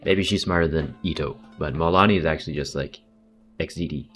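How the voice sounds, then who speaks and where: A woman game streamer livestreams a game with casual, slangy, joking commentary and some swearing. Her voice is bass and her pace a little fast, and faint game music plays in the background.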